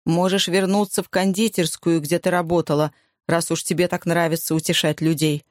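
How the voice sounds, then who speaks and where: A narrator voicing a gruff, domineering soldier husband who gives blunt orders in a dry recording. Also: medium pitch, level tone, normal speed, no room sound, lightly acted.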